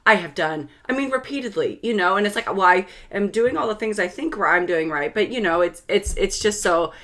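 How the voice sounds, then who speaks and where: A woman's voice: mid-range voice, lively intonation, brisk, a bit bright. A woman co-hosting a podcast and working as a massage therapist, chatting casually with self-mocking humor and frequent laughs. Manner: self-deprecating, laughs often. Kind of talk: casual chat.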